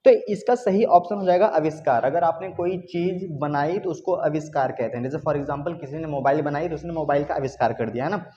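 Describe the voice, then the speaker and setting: Indian man, high-voiced grammar tutor, mellow tone, explains step by step; dull lo-fi recording with faint hiss. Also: a little fast, hardly any pauses. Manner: explains step by step, repeats questions back to students. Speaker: teacher. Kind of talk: exam grammar lesson. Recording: dull lo-fi sound with faint noise.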